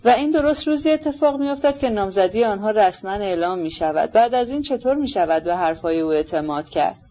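A narrator reads a long novel aloud at a steady, measured pace. The voice sits at a middle pitch, and the recording sounds dull and lo-fi. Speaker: audiobook narrator.

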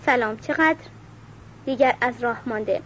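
A woman's voice: fairly high pitch, highs cut off, a little hiss or hum, lightly acted. A woman reading the lines of a blunt male Russian cavalry soldier on the march.

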